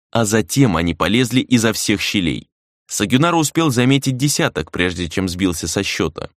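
A man reading a dark fantasy novel aloud as an audiobook narrator, measured and dramatic, slowing down for emphasis. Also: on the low side, dry recording, clean studio sound.

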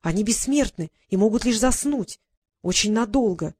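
A woman reading the part of a suspicious, sharp-tongued teenage boy in an audiobook, cold and mocking in manner. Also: medium pitch, lively intonation, normal speed, breathy edge. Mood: explaining.

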